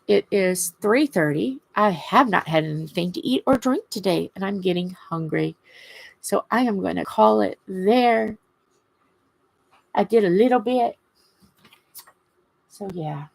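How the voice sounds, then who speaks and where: Gravelly woman with slightly swollen-lip speech. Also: mid-range voice, dry recording, low-quality recording. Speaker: craft livestream host. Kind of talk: casual rambling livestream chat.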